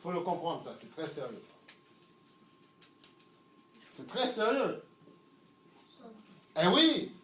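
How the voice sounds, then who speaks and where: A middle-aged man with a high-pitched voice preaches a sermon, picked up from far off in a reverberant room with faint ambient noise. He swings from loud shouts down to near murmurs. He often repeats a word several times before going on. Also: wildly swooping pitch, measured pace. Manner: repeats words while searching for them.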